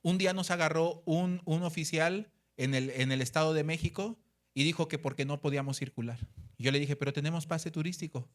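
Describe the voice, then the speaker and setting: A man's voice: fairly high pitch, fairly quick. A man with a Mexican Spanish accent preaching a sermon as pastor, telling stories with acted-out dialogue and asking his congregation for agreement. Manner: animated storytelling, acts out quoted dialogue.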